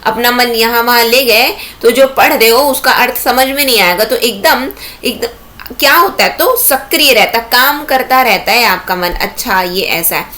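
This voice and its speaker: Bright-voiced woman teaching a lecture. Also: on the high side, normal speed. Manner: explains with rhetorical questions. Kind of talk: exam-prep lecture.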